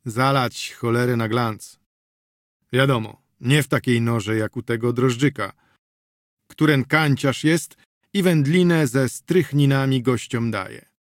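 A man's voice: mid-range voice, slow, dry recording, studio quality, lightly acted. A man voicing a small, slangy street hustler who coaxes a companion to drink. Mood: coaxing. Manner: coaxing, cheeky, slangy.

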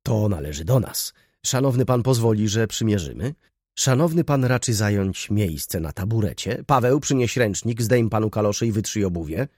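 A man voicing a young, dandyish male shop clerk who talks in quick, fawning sales patter. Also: lowish voice, lively intonation, a little mellow, dry recording, clean studio sound. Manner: rapid, ingratiating patter.

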